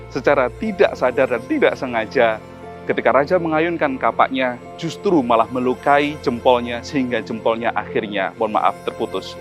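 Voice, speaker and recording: A man telling a moral story in a sermon, in a conversational way with filler tags. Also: medium pitch. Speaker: preacher.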